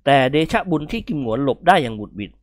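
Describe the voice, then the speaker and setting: A man narrating a comic story aloud in a lively, expressive reading. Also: medium pitch, racing, no echo.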